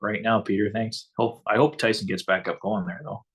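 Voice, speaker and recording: A man's voice: on the low side, steady tone, a little fast, husky. A man from Canada co-hosting a casual fan stream, chatting easily and reading out viewer comments. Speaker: co-host of a fan game-watch stream. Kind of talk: casual live game chat.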